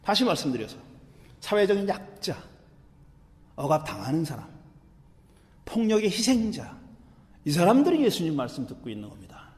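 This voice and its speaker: Brief: a male pastor with a high voice, chatty and animated, recorded with long church reverb. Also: normal speed, pauses often. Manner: conversational, animated, acts out the quotes in character. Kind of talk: sermon.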